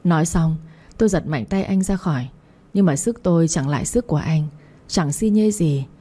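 Give me a woman narrating a first-person romance story, warm and breathy, slow and measured. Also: low-pitched. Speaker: audiobook narrator.

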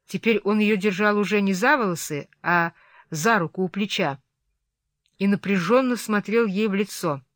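A reader narrating a novel in a steady, measured voice of middling pitch. The recording is dry and close, with no room sound at all. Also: dry recording. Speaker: audiobook reader. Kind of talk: scripted narration.

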